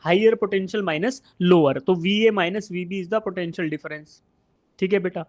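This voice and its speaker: An Indian man with a fairly high, unhurried and slightly mellow voice teaches physics in a live online exam-prep lecture. He builds the concept step by step, throws questions at his students and answers them himself, repeatedly calling them "beta," and the technical parts come out.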